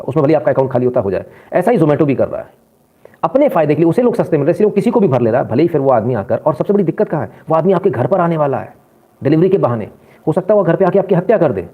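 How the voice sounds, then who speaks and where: Indignant male news commentator, tinny sound. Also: a little high. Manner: indignant, lecturing, addresses viewers directly.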